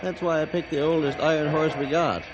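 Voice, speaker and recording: A man's voice: a little high, fairly even intonation, fairly quick, lo-fi sound, over loud music, lightly acted. Man as folksy wry engineer, old radio drama. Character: plucky, wry railroad engineer, folksy talker.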